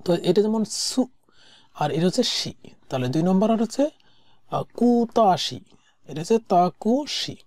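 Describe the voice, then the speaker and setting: A woman teaching a language-exam lesson, saying each word slowly and repeating it before she explains it. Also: mid-range voice, lively intonation, darkish tone, no room sound, clean studio sound.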